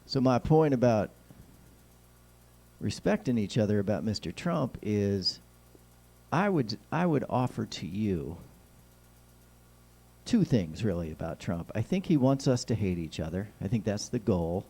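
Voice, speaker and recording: Low, mellow American man with whistling s. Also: very animated, unhurried, vocal fry, pauses often, husky. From Kansas City, United States. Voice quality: whistling s sounds. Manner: folksy, rambling, neighbourly. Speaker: host of a talk show. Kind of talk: casual solo political chat with light humour.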